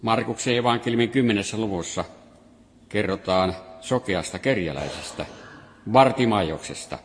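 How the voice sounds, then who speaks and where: A man's voice: fairly low pitch, slight background noise. Finnish man preaching in an echoing hall. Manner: lively, rising and falling emphasis on scripture quotes. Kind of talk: sermon. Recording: long reverb of a hall.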